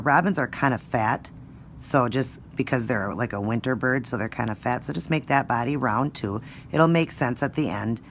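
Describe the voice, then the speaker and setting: A woman giving a casual step-by-step craft tutorial, talking informally and thinking aloud as she works. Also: very deep voice. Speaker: nail art tutorial presenter. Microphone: phone. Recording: noisy home phone recording.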